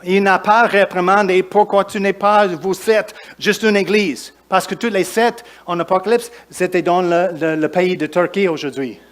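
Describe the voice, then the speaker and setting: Pastor preaching in halting French. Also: male voice, sits high, fairly even intonation. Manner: preaches with halting restarts, rising emphatic lists and quieter asides. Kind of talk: sermon.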